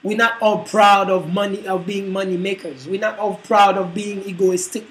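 A man's voice: sits high, little pitch movement, moderate pace, fairly bright tone, slight background noise, low-quality recording. A man hosting a casual, preachy monologue, speaking emphatically and rambling through his points. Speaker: host.

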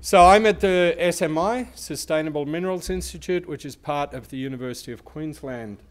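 Presenting at a conference on behalf of a research institute, this man has a booming voice pitched on the high side and talks fairly quickly. He explains material and asks the audience questions.

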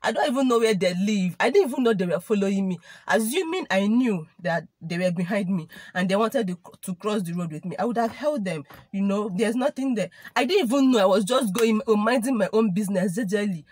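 A woman's voice: mid-range voice, lively intonation, a little fast, few pauses, darkish tone, slightly rough, dry recording. A young woman with a Nigerian English accent, telling a story to camera in a casual vlog and dropping in Igbo and Pidgin expressions. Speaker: vlogger.

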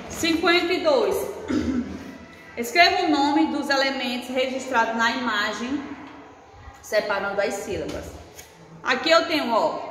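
Woman teacher for young children, high voice, slow pace, patient, spells out syllables; echoey room. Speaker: first-grade teacher. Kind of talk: recorded online class lesson. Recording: echoey room with faint noise.

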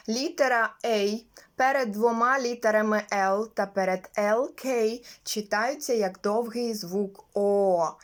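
Slow, careful woman teaching pronunciation. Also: medium pitch. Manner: slow, careful, demonstrates each sound and example word. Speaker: English phonetics teacher. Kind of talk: slow instructional explanation.

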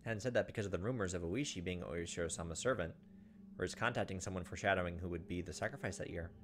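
With soft game music playing and a little hiss or hum in the audio, a thirty-something let's play host reads a visual novel aloud dramatically, tossing in casual asides. His voice is low and quick.

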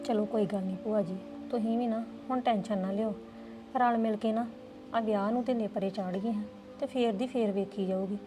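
A woman's voice: mid-range voice, fairly even intonation, fairly quick, music in the background. A woman playing a young woman in a family drama, complaining and defensive. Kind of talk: Punjabi family drama dialogue.

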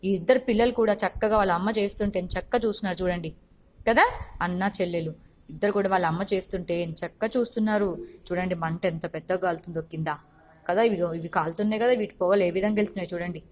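A woman's voice: mid-range voice, quick pace. A woman teaching first graders in a recorded lesson. She is patient, repeats every instruction and keeps checking that the children understand. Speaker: primary school teacher.

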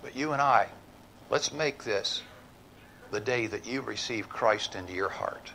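A middle-aged man preaching a church sermon, building to emphatic points and dropping to a hushed altar call. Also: medium pitch, unhurried, creaky, a little hiss or hum, rough recording. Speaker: pastor. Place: church sanctuary.

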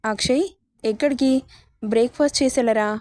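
A motherly middle-aged aunt who fusses over her nephew and scolds him firmly, as a woman storyteller voices her. The tone is mellow and a little high, recorded dry and close. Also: a little fast, no echo, close to an everyday voice. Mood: caring.

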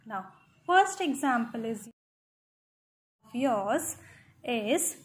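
A woman's voice: a little high, expressive, very slow. A woman teacher with an Indian English accent, giving a grammar lesson to young children and spelling words out letter by letter while switching between English and Hindi.

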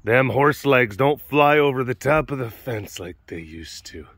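An older adult man who keeps big cats and vlogs about it chats rambling-style outdoors at the enclosures, cooing baby talk to the animals between thoughts. His mid-range voice is animated, a little slow, slightly hoarse and partly lost. He's off camera on a handheld camera mic, and there's no echo.

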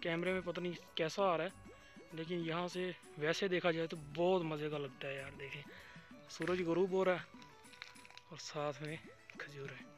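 A man's voice: a little high, fairly even intonation, normal speed, faint music behind. Chatty man touring a date farm. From Pakistan. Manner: chatty, keeps pointing things out to viewers. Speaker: vlogger. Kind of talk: casual walking tour vlog. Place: outdoors in a date palm farm.

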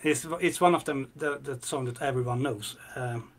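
A man in a casual music reaction chat, stopping and restarting his sentences and reaching for words. There is a faint hiss of noise behind him. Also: mid-range voice. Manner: halting, many fillers and restarts.

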